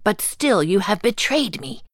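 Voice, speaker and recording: A woman's voice: mid-range voice, animated, a little slow, a bit bright, dry recording, studio quality. A woman voicing a jealous, cruel old witch with a cackling, scolding manner while reading a storybook aloud. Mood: spiteful.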